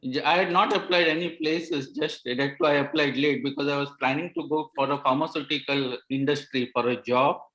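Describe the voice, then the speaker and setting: Earnest man with a slightly high voice in an echoey room. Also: steady tone, a bit bright. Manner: halting, earnest advice with many restarts. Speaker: pathology resident panelist. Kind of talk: online panel discussion. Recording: roomy echoey audio.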